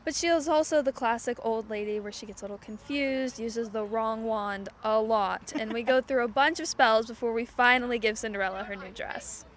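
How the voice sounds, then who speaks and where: A woman cast member outdoors, answering an interview with lively enthusiasm. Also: on the high side, normal speed, few pauses. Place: outdoor theatre stage.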